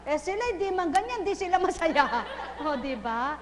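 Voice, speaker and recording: A woman's voice: very high-pitched, lively intonation, moderate pace, big-room sound, a crowd in the background. A woman faith healer at a live healing session, teasing and questioning a patient with short, repeated questions.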